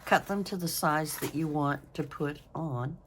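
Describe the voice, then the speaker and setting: A woman's voice: low-pitched, unhurried, slight background noise. A woman in her sixties hosting a craft video, rambling and thinking aloud in a self-deprecating way as she works. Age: 60s. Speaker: craft channel host. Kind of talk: casual crafting talk-through.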